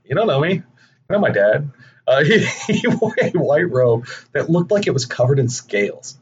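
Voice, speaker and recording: A man's voice: a little high, big pitch swings, normal speed. Young guy telling a story on a podcast, swears a lot, jokes around, kinda muffled with faint hiss. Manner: profane, jokey asides, frequent laughs. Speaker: podcast host. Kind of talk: casual comedic storytelling. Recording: dull lo-fi recording with faint noise.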